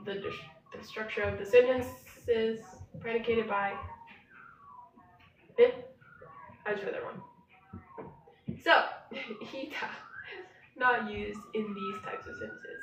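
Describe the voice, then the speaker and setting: A woman's voice: on the high side, huge pitch swings, a little slow, long pauses. A woman co-hosting a casual live study session, reading her notes aloud and laughing off her slips. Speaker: co-host studying Korean. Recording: roomy, distant, dull and slightly noisy.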